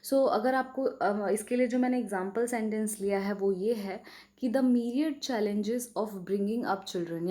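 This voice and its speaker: A woman's voice: mid-range voice, dark tone. A woman with an Indian English accent teaching English vocabulary in a casual, friendly lesson, mixing Hindi and English and often checking in with "okay?".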